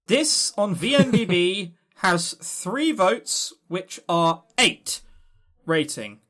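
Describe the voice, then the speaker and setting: Speaking slowly, a man co-hosting a podcast offers reviews in a casual, chatty manner. His tone is dry and critical, his pitch swings in a lively way, and he often trips over his first word and starts it over.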